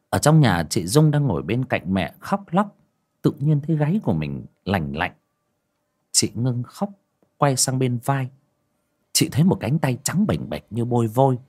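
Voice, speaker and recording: Expressive male narrator. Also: medium pitch, breathy edge. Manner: lively dramatic storytelling. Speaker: storyteller. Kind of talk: audiobook horror narration.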